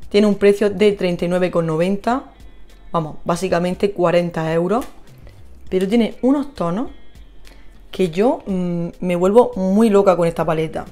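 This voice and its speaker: Una vlogger de belleza con acento de España que charla de forma animada y entusiasta con sus seguidoras mientras se maquilla. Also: female voice, lowish voice, a little slow, mellow, faint music behind. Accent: Spain Spanish. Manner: chatty, gushing, talks to viewers while applying makeup. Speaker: beauty vlogger. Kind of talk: casual makeup tutorial chat.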